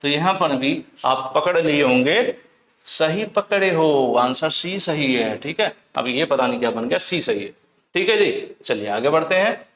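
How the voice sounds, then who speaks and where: A man's voice: on the high side, expressive, unhurried, fairly bright tone. A man teaching an exam question-bank lesson, asking questions and answering them himself, repeating points and reading English questions aloud. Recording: echoey room.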